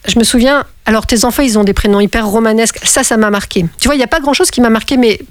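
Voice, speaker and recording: A woman's voice: a little high, fast, no room sound. Chatty middle-aged woman radio host. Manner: chatty, laughing, many restarts. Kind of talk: casual phone conversation on radio. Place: radio studio.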